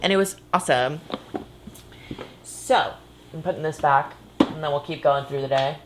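Woman in her twenties, low pitch, vocal fry, casual rambling vlog chat, informal and sweary. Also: moderate pace, noisy background. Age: 20s. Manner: informal, sweary, self-interrupting. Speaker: vlogger. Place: in bed indoors.

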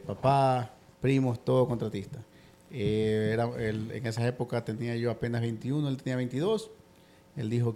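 A man in his thirties from Ecuador, a podcast guest who tells his story in a relaxed way with frequent hesitations. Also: medium pitch, slight background noise. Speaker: guest, construction business owner. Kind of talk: casual podcast interview.

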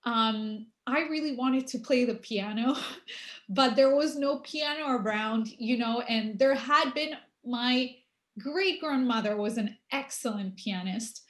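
A young woman who grew up in Argentina, a musician answering interview questions in an unhurried way with many pauses. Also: on the high side. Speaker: guest musician. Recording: roomy echo.

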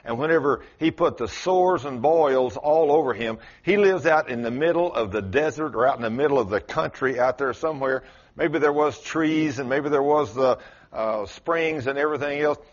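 A man in his late sixties preaching a folksy sermon, quizzing his congregation and rising to loud exclamations. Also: mid-range voice, normal speed, highs cut off. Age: 60s. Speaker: pastor.

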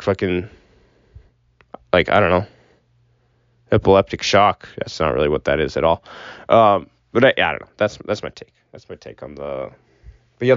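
A man's voice: fairly low pitch, no echo. A young man rambling casually and with opinions about sports as a solo podcast host, swearing now and then, recorded inside a closet. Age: young adult. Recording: muffled closet recording, dull and dry.

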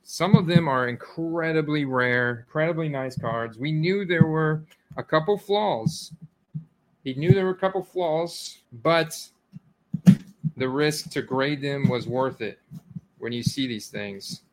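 A man hosting a casual card-opening video, talking straight to his viewers and breaking into excited exclamations as he goes. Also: fairly high pitch, unhurried. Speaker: sports card collector host. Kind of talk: casual unboxing chat to viewers.

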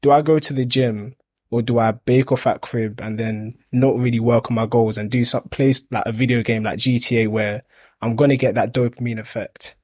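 A man's voice: mid-range voice, steady tone, brisk, a little mellow, no room sound, studio quality. A young man with a London roadman accent chats casually and emphatically, using heavy street slang and telling stories to make his points. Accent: London, urban street slang. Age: young adult. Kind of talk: casual motivational chat.

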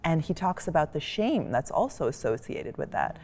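Sing-song and a little mellow, this woman's low voice moves at a moderate pace. She is a panelist and community board member, speaking thoughtfully and articulately in a library reading room, where the sound echoes with the long reverb of a large hall.

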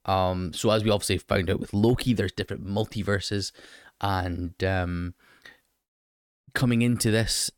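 A man with a hoarse, croaky voice hosting a casual solo podcast, chatting to listeners with plenty of ums. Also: lowish voice, steady tone, unhurried, no room sound, studio quality. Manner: chatty, lots of ums, talks straight to listeners. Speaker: podcast host.

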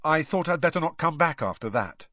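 A man's voice: fairly high pitch, lively intonation, brisk, sharp tone, no echo, pitched above the performer's own voice. A man voicing an earnest, indignant teenage boy wizard in an audiobook. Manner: earnest, indignant, a bit awkward. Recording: dry, dull lo-fi recording.

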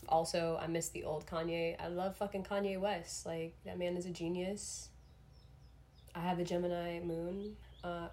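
A young adult woman with a deep, darkish voice hosts a solo podcast, rambling casually and introspectively while sprinkling in the slangy filler "like." She sounds slightly under the weather and keeps clearing her throat as she reflects on herself.

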